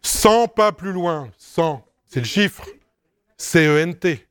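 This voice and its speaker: A man's voice: on the high side, expressive, takes it slowly, clear, resonant tone, no echo, clean studio sound. A man correcting a dictation, spelling words letter by letter and explaining spelling rules patiently with small asides.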